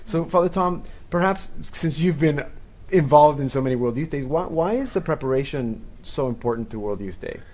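A man's voice: fairly high pitch, lively intonation, brisk, a little mellow. A man hosting a panel talk, putting questions to his guests in a conversational style. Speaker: host.

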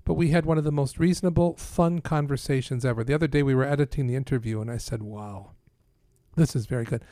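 A mid-pitched man from Canada, a priest talking as an interview guest. He speaks earnestly and steadily, praising people warmly and slipping in dry quips. His voice sounds close and dry. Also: quick pace, no echo. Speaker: priest and Vatican press aide.

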